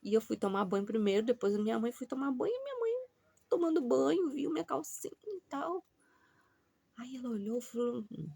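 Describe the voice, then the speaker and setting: A woman with a Brazilian Portuguese accent telling a personal story in a chatty, animated way and speaking straight to her audience. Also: fairly high pitch, a little fast, gravelly, slightly rough, no echo. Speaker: vlogger.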